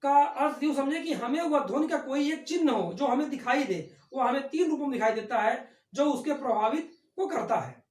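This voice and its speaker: Woman teacher, online lecture, fairly high voice, asks and answers her own questions, roomy echo. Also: expressive, normal speed, a little mellow. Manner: explains by asking questions and answering them herself. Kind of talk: online lecture on Hindi phonetics. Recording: echoey room.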